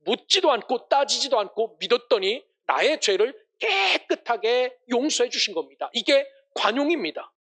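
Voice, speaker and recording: A man's voice: extremely high pitch, expressive, normal speed, few pauses, a bit bright. A male pastor preaching a Sunday sermon, asking rhetorical questions and ending passages with blessings.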